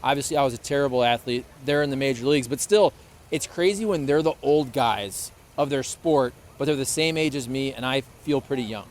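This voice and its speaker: A man's voice: medium pitch, fairly quick, a little hiss or hum. Chatty man in his thirties. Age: 30s. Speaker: podcast co-host. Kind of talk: casual chat.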